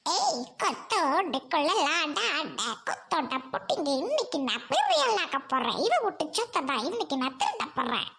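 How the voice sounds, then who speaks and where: A woman's voice: very high-pitched, wildly swooping pitch, normal speed, few pauses, sharp tone, a little hiss or hum, pitched below the performer's own voice, exaggerated voice. A woman voicing a sly cartoon woman who mocks a neighbour and plots a theft. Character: scheming cartoon woman plotting to steal goats.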